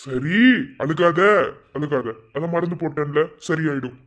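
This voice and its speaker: A man with a Madurai Tamil accent voicing a young village brother and husband in an animated family cartoon, grumbling and scolding. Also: fairly high pitch, measured pace, lightly acted. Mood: soothing. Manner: grumbling, scolding then soothing.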